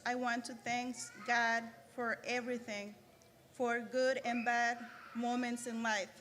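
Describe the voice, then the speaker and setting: A Salvadoran woman in her 30s, the graduating student speaker, delivers a prepared ceremony speech in a slightly high, somewhat bright voice. She's earnest but halting, restarting phrases, and the reverberant hall adds faint noise.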